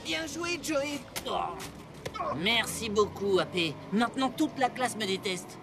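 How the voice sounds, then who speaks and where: An awkward cartoon schoolboy, played by a woman, talks in a fairly high, lively voice that swings widely. He sounds defensive and exasperated. Loud music plays behind him. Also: takes it slowly, vocal fry, heavily acted. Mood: bitter. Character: schoolboy, awkward, easily flustered. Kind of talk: French cartoon dub.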